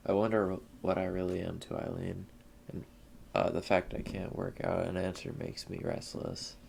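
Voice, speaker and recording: A man's voice: deep voice, level tone, moderate pace, gravelly, a little mellow, slight background noise. A young man hosting a gaming channel, reading a visual novel aloud in a laid-back way and muttering casual asides between lines.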